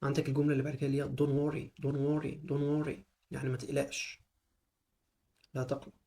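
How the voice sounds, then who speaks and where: Egyptian male teacher, casual lesson delivery, rough gravelly voice, drills each phrase by repetition. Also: medium pitch, completely flat delivery, warm tone. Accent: Egyptian Arabic. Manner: repeats each phrase slowly several times. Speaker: English teacher.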